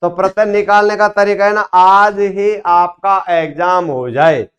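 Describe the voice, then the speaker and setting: A man's voice: sits high, fairly even intonation, a little slow, fairly bright tone. A man teaching a class, prompting students with questions in a classroom. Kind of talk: classroom grammar lesson.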